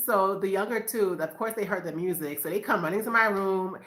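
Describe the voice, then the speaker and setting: At a moderate pace and medium pitch, this Boston mom of five hangs out with her live-stream audience from her room at home. Casual and upbeat, she laughs a lot and refers to them as "you guys," in a room with noticeable echo.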